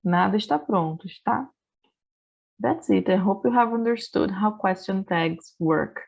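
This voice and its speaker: A Brazilian woman teaching an English lesson in Portuguese, reading English example sentences slowly and then translating them. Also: medium pitch, expressive, gravelly, a little mellow, muffled recording. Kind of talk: recorded classroom lesson in Portuguese.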